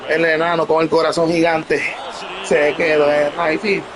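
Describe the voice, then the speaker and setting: A man giving excited live commentary as he streams a baseball video game, bursting into shouts and talking to his viewers. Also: a little high, normal speed, rough recording. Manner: talks to his audience. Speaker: gaming streamer. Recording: loud stadium crowd noise from the game. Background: video game crowd sound.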